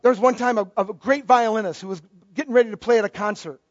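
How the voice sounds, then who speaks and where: A man's voice: high-pitched, fast talker, no room sound. A middle-aged male pastor giving a conversational sermon with joking asides. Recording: dull, dry lo-fi recording.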